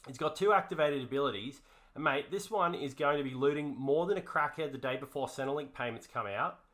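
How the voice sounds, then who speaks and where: A man's voice: mid-range voice, brisk, fairly bright tone. A man co-hosting a comedic card review, talking in a put-on broad Australian accent and joking with heavy slang. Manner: jokey, heavy Aussie slang. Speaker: co-host.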